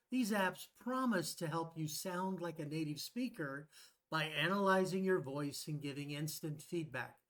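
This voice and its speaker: A man, an English professor, presenting a playful scripted video lesson. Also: fairly high pitch.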